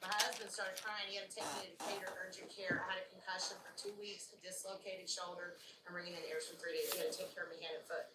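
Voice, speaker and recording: An older woman tells a ghost story from her own house in a plain, matter-of-fact way, now and then speaking her husband's lines. She sounds some way off from the camera. The room is echoey and there is steady noise behind her. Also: on the low side, quick pace, few pauses. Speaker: house owner. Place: inside an old house. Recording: roomy, distant, noisy clip.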